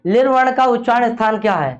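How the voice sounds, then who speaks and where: A woman's voice: on the high side, expressive, quick pace. A woman teaching an exam-prep class, who fires off a question, repeats it, and then answers it herself. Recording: dull lo-fi classroom recording.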